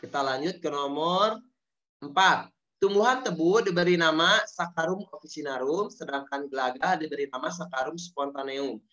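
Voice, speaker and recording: A man's voice: fairly high pitch, normal speed, sharp tone. A male teacher leads an online science lesson. He drills the key terms again and again and keeps asking his students questions. The audio is dull and lo-fi, like a video call. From Indonesia.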